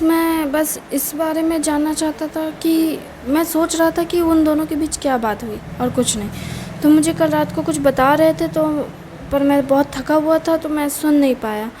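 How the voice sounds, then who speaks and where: A confused young hero from a spoken romance storybook muses aloud, then snaps coldly at his friend. A woman acts him out in a high voice with no real drop to a male pitch. Faint noise sits behind the reading. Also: steady tone, normal speed, darkish tone, close to an everyday voice, rough recording. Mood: pleading. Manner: muttering to himself, then curt and cold.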